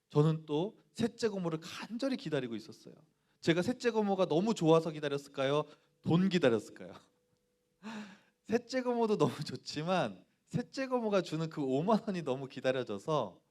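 A man's voice: medium pitch, a little mellow. A male pastor giving a sermon to students, telling a personal story and asking the listeners questions, acting out the voices in his quotes. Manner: acts out quoted voices in dialogue.

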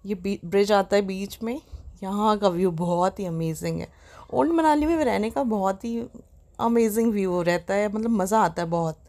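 A young woman narrates a casual travel vlog voice-over about her trip, chatty and quick to get excited, mixing English into her Hindi. Her pitch is in the middle of the usual range.

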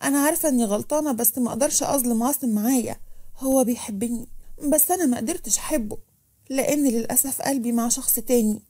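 A woman's voice: a little high, quick pace, mellow, lightly acted. A woman voicing a frightened young woman on the run, with an Egyptian Arabic accent and a raised, anxious voice. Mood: tearful.

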